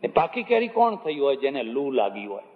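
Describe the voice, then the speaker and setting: An older Gujarati-accented spiritual teacher giving a storytelling discourse, acting out dialogue with humorous asides. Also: male voice, sing-song, moderate pace. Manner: acts out dialogue with shifting pitch, humorous asides. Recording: phone-like audio in a reverberant hall.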